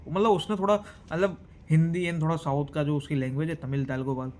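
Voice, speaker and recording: A young man from Gujarat telling a travel story in a casual vlog, animated, switching between Hindi and English. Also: a little high, fast talker. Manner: animated, mixes Hindi and English, mimics others. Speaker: vlogger.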